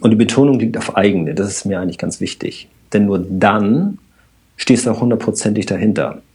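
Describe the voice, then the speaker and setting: Husky man explaining calmly. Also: on the low side, a little fast. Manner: explains with everyday examples, addresses host directly. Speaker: systemic coach, podcast guest. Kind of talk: calm explanatory conversation.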